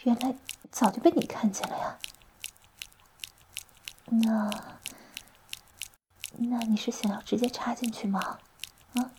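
A woman voicing a flirtatious, teasing sister-in-law in an intimate audio roleplay, speaking in a breathy close whisper. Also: on the high side, fairly even intonation, slow pace, pauses often, mellow, slight background noise, low-quality recording. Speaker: voice actress in an adult audio roleplay.

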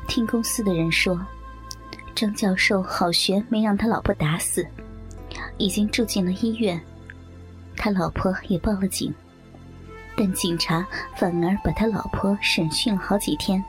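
A woman reading a first-person story aloud in a soft, half-whispered delivery. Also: mid-range voice, a little slow, faint music behind.

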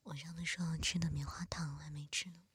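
A woman murmurs in a breathy, unvoiced whisper, leaning in close to a sensitive microphone for an ASMR session. Her voice sits a little low, and a faint hiss with small clicks lingers behind her words. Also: flat delivery, quick pace. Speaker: ASMR creator. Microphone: close sensitive mic.

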